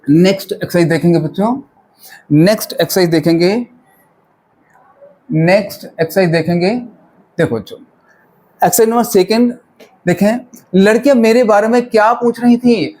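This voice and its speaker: A man's voice: high-pitched, fairly even intonation, normal speed, long pauses, a little mellow. A male grammar teacher, giving a classroom-style lesson. He repeats each phrase and keeps quizzing his pupils as children.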